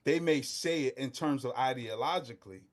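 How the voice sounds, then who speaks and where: A middle-aged man, speaking as a guest on a casual talk show. He talks with conviction in street slang, his voice often climbing high. The pitch sits in the middle of the male range. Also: a little fast. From Brooklyn, New York. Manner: impassioned, street slang, rising to near-shouting. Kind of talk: casual podcast discussion.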